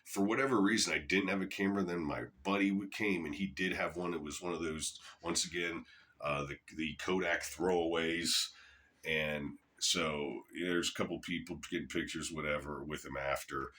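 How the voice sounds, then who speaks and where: A man's voice: sits low, fairly even intonation, moderate pace, pushed and bright. A middle-aged man telling a rambling, casual story to camera, swearing freely. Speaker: channel host.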